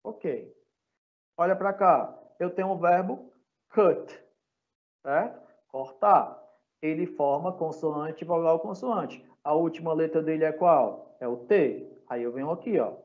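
A Brazilian man teaches an English grammar lesson at a very slow, deliberate pace, his voice sitting a little high for a man. He spells out letters one by one and keeps checking that his students are following. The recording is dull and lo-fi. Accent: Brazilian Portuguese. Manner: patient, checks in constantly with "tá?" and "certo?". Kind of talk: recorded online class lesson. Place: classroom or home for a live online class.

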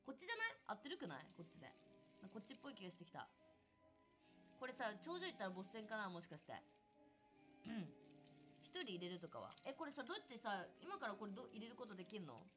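A young woman chatting casually through a live game stream, excitable and talkative, yelping and shouting at what happens on screen. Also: medium pitch, quick pace, pauses often, faint music behind. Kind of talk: casual live gameplay commentary.

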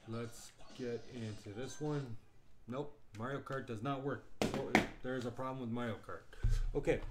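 A man hosting his gaming channel, chatting casually and thinking aloud as he plays, his voice slightly hoarse. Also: medium pitch, a little hiss or hum. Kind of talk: casual gameplay commentary.

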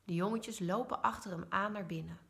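A woman teacher reading a children's story aloud in a lively, expressive way. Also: medium pitch, brisk, creaky.

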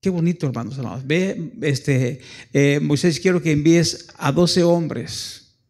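A pastor preaching a church sermon, calling the listeners brothers and drawing out key phrases slowly before swelling to loud peaks. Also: male voice, on the high side. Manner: preaching with sudden loud rises and slowed, drawn-out phrases; calls listeners "hermanos" and asks for amen.

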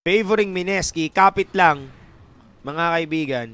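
Filipino man, esports caster, high voice, playful banter that erupts into shouts at big moments. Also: a little slow. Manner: joking, laughing, mixing Tagalog and English, bursts into shouts at big plays. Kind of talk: casual play-by-play commentary.

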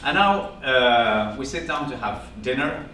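A man from Norway in his fifties speaks at a measured pace in a medium-pitched voice with a Norwegian accent. He's an animated storyteller, gesturing and quoting family dialogue as he shares a personal story with a small audience. A far-off camera without a visible mic records the echoey, humming classroom-sized meeting room with its projector screen.

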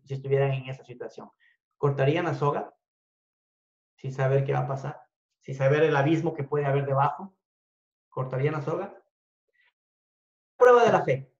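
A man giving a motivational talk to an audience, telling a story in an animated way that swings between loud and hushed. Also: a little high. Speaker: speaker at a business talk. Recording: echoey room, dull lo-fi sound.

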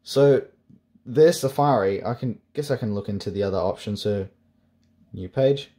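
A man's voice: on the low side, moderate pace, mellow. A young man casually reviewing an old device, with sarcastic jokes and offhand asides. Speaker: tech reviewer. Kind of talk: casual tech review vlog.

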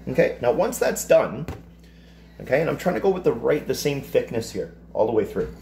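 A man in his fifties teaching a casual cooking demonstration in a home kitchen, explaining each step in a relaxed, chatty way. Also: mid-range voice, fairly quick, creaky, slight background noise. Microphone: camera across the counter.

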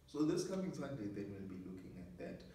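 A man's voice: fairly low pitch, very animated, brisk, warm tone, slight background noise. A middle-aged man, an assistant parish priest giving an earnest sermon preparation talk, often repeating words as he thinks, seated in a small study. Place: small study with bookshelves, indoors. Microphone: camera at a distance. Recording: echoey room, voice from far off.

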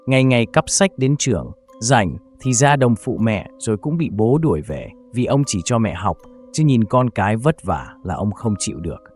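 A man narrating a scripted horror story in a steady storytelling delivery. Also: on the low side, moderate pace, hardly any pauses, faint music behind.

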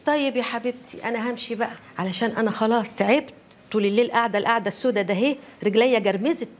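Brief: actress as sharp-tongued neighbor woman, quick and high, scolding with folk sayings. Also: close to an everyday voice. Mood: complaining. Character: gossipy working-class neighbor woman, blunt. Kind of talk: TV drama acting.

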